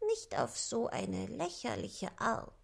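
Tiny cranky dormouse, high and gravelly, slow and sleepy. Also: male voice, very animated, exaggerated voice. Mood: huffy. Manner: breathy, half-whispered squeak. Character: sleepy grumpy little dormouse.

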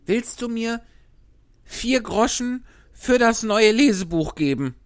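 An eager, mischievous wooden boy puppet with a boyish storybook voice, pushing and bargaining without shame, as a woman reads him. He sounds a little higher than the narration. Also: expressive, takes it slowly. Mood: pleading.

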